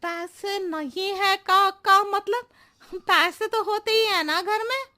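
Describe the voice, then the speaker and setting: A woman's voice: extremely high pitch, slow, pushed and bright, exaggerated voice. A woman playing a cheeky, whiny, scatterbrained housemaid who talks in circles in a comic cartoon story. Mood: pleading, whiny. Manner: roundabout, riddling, pleading. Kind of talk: comic animated story dialogue.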